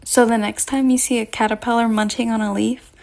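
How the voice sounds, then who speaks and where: A woman's voice: fairly high pitch, level tone, fairly quick, creaky, darkish tone. A woman presenting scripted educational narration, explaining things directly to the listener.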